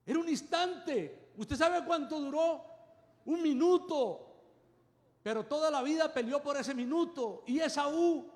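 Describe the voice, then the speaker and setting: A man's voice: very high-pitched, measured pace. A man preaching a sermon as pastor, constantly asking his congregation "yes or no?". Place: church. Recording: long church reverb.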